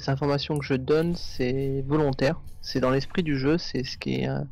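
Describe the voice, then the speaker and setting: A man playing a board game with a friend, talking through his moves in a measured, slightly hesitant way. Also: medium pitch, steady tone, gravelly, a little mellow. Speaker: co-player. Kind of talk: casual game talk.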